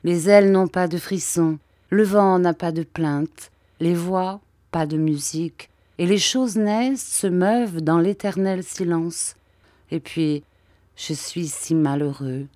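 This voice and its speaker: A woman's voice: on the low side, slow, mellow, dry recording. A woman reading aloud, voicing a shy, sad middle-aged male painter who pleads plaintively and belittles himself. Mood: sorrowful. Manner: plaintive, self-deprecating pleading.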